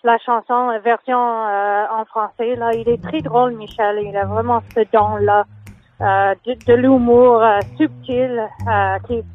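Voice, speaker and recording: A singer whose first language is English speaks French during a phone interview on the radio, hesitant and full of fillers and restarts. Her voice is a little high, steady in tone and a little slow, heard over a tinny phone line.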